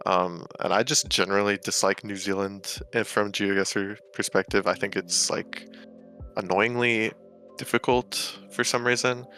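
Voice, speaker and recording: A young American man appears as a guest on a show, a professional GeoGuessr player who speaks Romanian at home. His lowish, steady voice is pushed and bright, a little slow, and he rambles loosely through a casual chat full of "like" and "um" over soft background music.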